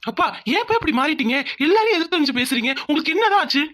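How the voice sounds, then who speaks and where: A woman's voice: high voice, lively intonation, rapid-fire, a bit bright. A woman voicing a young man who pleads with his father and protects his wife. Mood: pleading.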